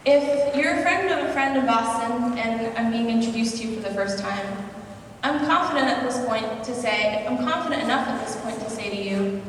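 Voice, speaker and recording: A woman's voice: fairly high pitch, normal speed, slight background noise. A woman in her twenties who grew up in Singapore and speaks with an American accent, telling a personal story at a conference in a conversational, self-deprecating way. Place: lecture hall at a conference. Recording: echoey hall, voice from far off.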